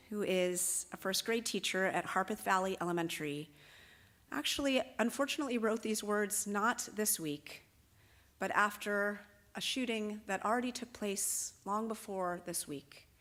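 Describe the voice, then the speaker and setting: A woman's voice: mid-range voice, a bit bright. A woman leads a synagogue service. She speaks earnestly and leans with emphasis into her words. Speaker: clergy leading the service. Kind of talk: sermon. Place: synagogue sanctuary.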